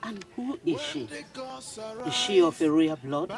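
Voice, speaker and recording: Probing royal parent, Nigerian accent, film drama, animated intonation, music behind. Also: male voice, high voice, a little slow, gravelly, heavily acted.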